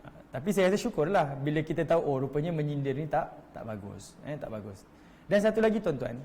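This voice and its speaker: A man's voice: a little high, lively intonation, quick pace, darkish tone, slight background noise. A middle-aged Malaysian man with a Malaysian Malay accent, teaching a Quran study lecture in a chatty way that addresses the audience directly. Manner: conversational, addresses audience as tuan-tuan, acts out quoted voices. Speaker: religious teacher. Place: hall, live stream. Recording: long hall reverb.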